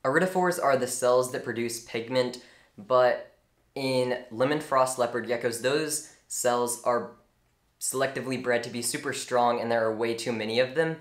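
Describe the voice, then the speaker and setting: A young man giving an informal, earnest tutorial on reptile care, with strong opinions and lively emphasis. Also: medium pitch, moderate pace. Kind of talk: informal instructional talk. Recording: echoey room.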